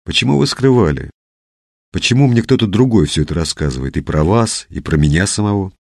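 A man's voice: low-pitched, animated, a little fast, gravelly, a little mellow, no echo, studio quality, full character voice. A man voicing a curious, bickering young man in an audiobook, wry and sometimes indignant.

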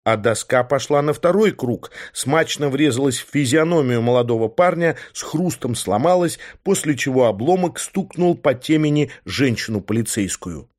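A man's voice: medium pitch, lively intonation, moderate pace, few pauses, darkish tone. A man narrating a first-person audiobook with a wry, ironic manner.

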